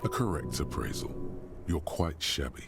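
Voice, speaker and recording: A man reading scripted game narration in a deep, gravelly voice with a dry, measured delivery. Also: expressive, soft background music, full character voice. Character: omniscient inner narrator voice, grave.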